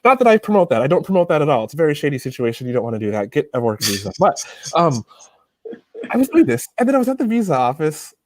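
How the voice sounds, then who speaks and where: Animated man telling a story. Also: a little high, quick pace, no echo. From United States. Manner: animated, laughing anecdotes. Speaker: interview guest, Chinese-teaching YouTuber. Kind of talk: casual storytelling in a video interview.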